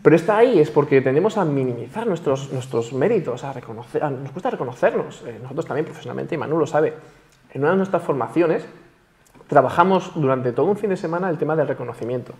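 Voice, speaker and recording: Fast, animated man coaching. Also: fairly high pitch. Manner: animated, acts out quoted everyday dialogue. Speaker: self-esteem coach and trainer. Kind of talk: explaining on a panel talk show.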